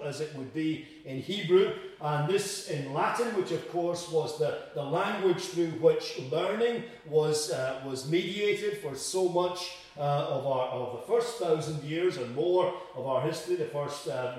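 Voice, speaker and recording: A man preaching an evening Bible study in a church hall, measured and explanatory, with frequent hesitations. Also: on the high side, darkish tone. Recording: very echoey room, from far off.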